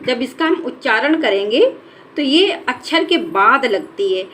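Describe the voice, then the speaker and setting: A high-voiced woman leads a children's reading lesson, drawing each syllable out long and clear. Her delivery is unhurried, and a faint hiss sits behind her voice. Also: big pitch swings, a bit bright. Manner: drawn-out syllables, slow and clear. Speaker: teacher.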